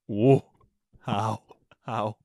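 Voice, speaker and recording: A man's voice: on the low side, steady tone, extremely slow, dark tone, dry recording, studio quality. A man with a broad Scottish accent in casual chat, reacting with incredulous, sweary, slangy questions.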